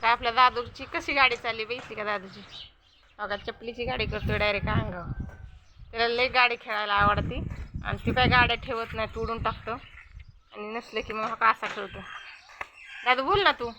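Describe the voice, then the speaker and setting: A woman's voice: fairly high pitch, steady tone, brisk. Village vlogger, a woman, talkative and coaxing, filmed on a phone outdoors with wind noise. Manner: chatty, coaxing a small child in a sing-song voice. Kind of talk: casual vlog narration.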